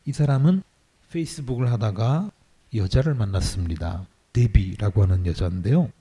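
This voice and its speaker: A middle-aged pastor preaching a sermon, telling stories and acting out quoted lines with a raised voice. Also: male voice, mid-range voice, dark tone, breathy edge.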